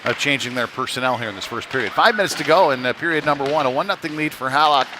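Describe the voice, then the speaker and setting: A man with a mid-range voice calls youth ice hockey fast, tossing out clipped phrases that slide into asides. The recording picks up rink game noise and ambient clatter behind him.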